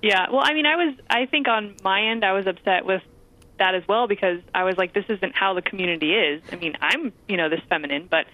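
A woman's voice: mid-range voice, brisk, no echo. Woman on a tinny phone line. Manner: candid, laughs easily. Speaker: guest, actress and comedian. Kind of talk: casual interview chat.

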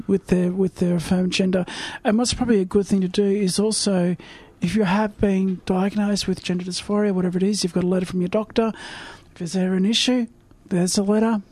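A chatty radio co-host who talks things through at length in a casual radio chat. The voice sits at a middling pitch. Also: darkish tone.

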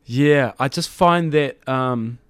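A man's voice: medium pitch, slow, clear, resonant tone, dry recording, studio quality. Middle-aged man with a broad Kiwi accent. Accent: broad New Zealand. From New Zealand. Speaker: hip-hop DJ and MC, interview guest. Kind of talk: casual studio interview chat. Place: studio.

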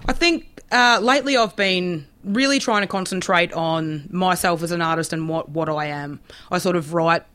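A woman's voice: lowish voice, normal speed, few pauses, no room sound. A woman, a musician guest chatting casually in a radio interview. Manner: chatty, animated, laughs easily.

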